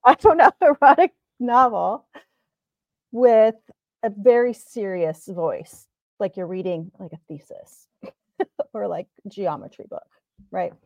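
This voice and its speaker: A woman's voice: on the high side, measured pace, vocal fry, long pauses. A woman co-hosting a chatty podcast, laughing easily and rambling through her thoughts. Her voice comes through a dull, lo-fi recording in a dry space with no room echo. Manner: laughs often, rambling and animated. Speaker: podcast co-host. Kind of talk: casual chat.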